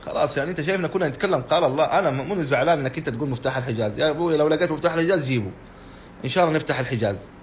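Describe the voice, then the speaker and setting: A male preacher talks fast and a bit high, earnest and exasperated as he answers his audience. Faint room ambience sits behind his voice. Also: slight background noise. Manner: earnest, exasperated, talks straight to viewers' comments. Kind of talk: informal religious talk on a live stream.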